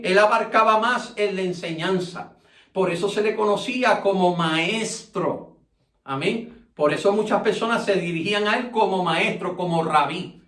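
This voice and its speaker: A man's voice: high voice, a bit bright. A man teaching a Bible study as a pastor, dropping "amén" after nearly every phrase and drawing out key words. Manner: repeats "amén" constantly, stretches key words. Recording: echoey room, distant from mic.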